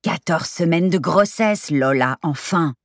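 A woman voicing a calm, expectant young woman friend who speaks slowly, deliberately and with gentle teasing in a storybook reading. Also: deep voice, husky, dry recording, clean studio sound.

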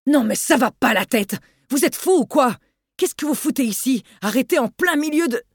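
A narrator voicing a male doctor who barks urgent orders at an accident scene, pitched higher and louder than their own reading voice. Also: expressive, normal speed, no room sound, studio quality, close to an everyday voice. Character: authoritative male doctor taking charge.

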